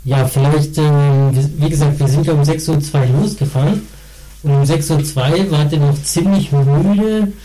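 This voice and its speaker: A middle-aged father co-hosting a casual family podcast, chatty and relaxed, with fillers between his thoughts. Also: a little high, moderate pace, rough recording. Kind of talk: casual chat.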